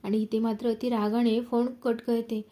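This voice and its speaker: A woman's voice: fairly high pitch, little pitch movement, moderate pace, mellow. A woman narrating a serial recap, addressing the audience dramatically.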